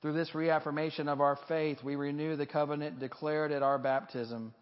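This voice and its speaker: Higher-pitched male pastor in cathedral-like echo. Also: little pitch movement, moderate pace, clean tone. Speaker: pastor leading a baptism reaffirmation service. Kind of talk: liturgical reading and prayer before a congregation. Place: large reverberant church. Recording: muffled recording with long church reverb, cathedral-like echo.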